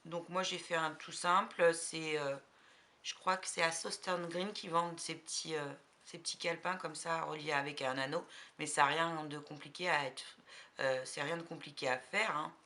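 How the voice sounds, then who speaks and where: A woman with a slight cold chatting casually about crafting supplies, unhurried and hesitant, with many fillers. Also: low voice, steady tone, pushed and bright. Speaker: crafting vlogger. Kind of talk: casual haul chat.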